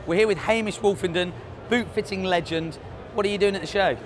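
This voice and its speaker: In a busy exhibition hall with loud music and crowd noise, a man in his thirties presents a show built on jokey roving interviews. His voice is high-pitched and fairly quick, and his manner light-hearted.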